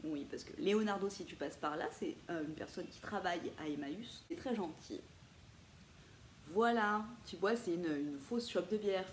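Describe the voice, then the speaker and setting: Speaking at a moderate pace in a lowish voice, this woman vlogs about her vintage thrift haul, chatty and animated. She laughs a lot and tosses in playful asides to her viewers, recorded in an echoey room with faint ambient sound.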